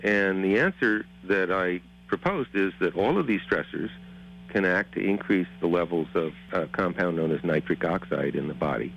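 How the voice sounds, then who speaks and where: A male professor explaining his research as an interview guest, in a measured, methodical, academic way. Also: low voice, lively intonation, dull audio.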